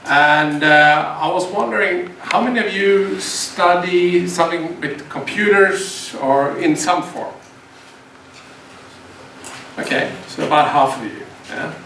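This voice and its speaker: This guest lecturer, a middle-aged man from Finland who grew up speaking Swedish, has a high-pitched, sharp-toned voice. Addressing students in a seminar, he halts, restarts, and repeats words frequently. A distant microphone picks him up in an echoey hall with a faint hiss.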